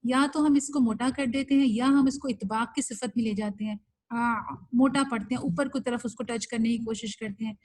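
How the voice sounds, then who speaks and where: A woman with a higher, somewhat husky voice leads an online class. She speaks patiently and step by step, dropping English words into her explanations. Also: steady tone, darkish tone, low-quality recording. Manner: patient, explanatory, mixes English terms into Urdu. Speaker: Quran recitation teacher.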